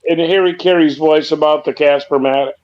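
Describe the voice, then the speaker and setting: A man's voice: on the high side, fairly even intonation, fairly quick. Teasing man on dull lo-fi audio. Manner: teasing, egging the host on. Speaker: guest on a live stream. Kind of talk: casual chat.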